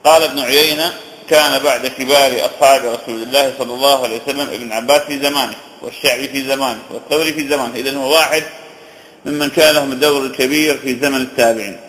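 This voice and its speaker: Fast-talking man teaching in an echoey room. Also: mid-range voice, steady tone, fairly bright tone. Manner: recites long chains of names, slows to stress points. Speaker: hadith teacher. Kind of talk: religious lesson on hadith narrators.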